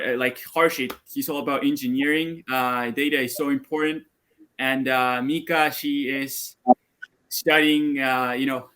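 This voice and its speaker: A young adult man from Argentina, a student, gives a casual group presentation over a video call. He sounds upbeat and uses many fillers, his medium-pitched voice a bit bright.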